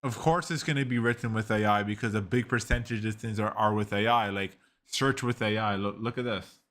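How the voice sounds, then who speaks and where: Fairly low in pitch, brisk, and fairly bright, a male tech reviewer talks casually through an AI tool on a screen recording. He rambles, fills his speech with "like," and restarts frequently.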